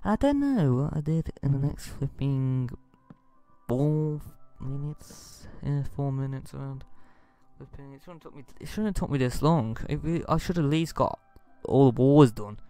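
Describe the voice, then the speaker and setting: A man's voice: medium pitch, lively intonation, fairly quick, a little mellow, clean tone. Stuffy-nosed man rambling over gameplay. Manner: rambling, apologetic. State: congested, sore throat. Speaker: gaming YouTuber. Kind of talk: casual gameplay commentary. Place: home room.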